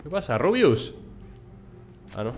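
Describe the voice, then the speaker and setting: A man's voice: a little high, sing-song, takes it slowly, a little hiss or hum. A young man with a Spain Spanish accent chatting casually and swearing lightly as he plays through a game. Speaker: gameplay streamer. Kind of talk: casual let's play commentary.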